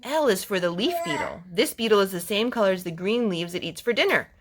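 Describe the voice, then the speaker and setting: This woman speaks quickly with a medium pitch and lively intonation. She's a mother hosting a read-aloud storytime for kids, mixing in chat and song, and she poses questions to the child before echoing their replies.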